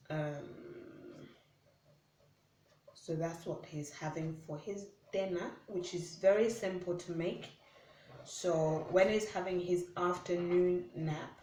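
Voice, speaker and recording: Vlogger, woman from Uganda, low-pitched and unhurried, chatty step-by-step kitchen narration, echoey room, mic at a distance. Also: warm tone, a little hiss or hum. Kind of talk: casual kitchen vlog narration. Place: home kitchen.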